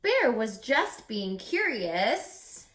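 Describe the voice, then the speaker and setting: A woman reads a picture book aloud in a teacherly way, deliberate and instructive, using dramatic pauses and asking young listeners questions. Her voice is fairly high, sing-song, and a bit bright.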